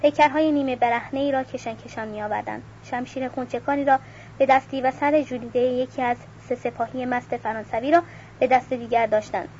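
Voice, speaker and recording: A woman reading a novel aloud in a steady, even voice, now and then correcting a slip. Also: high voice. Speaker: audiobook reader. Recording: dull lo-fi recording with faint hiss.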